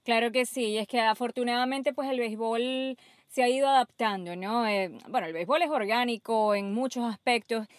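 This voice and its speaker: A woman hosting a baseball radio show, presenting in a smooth way and tying the segments together. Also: fairly high pitch, normal speed, no room sound, clean studio sound. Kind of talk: radio sports talk.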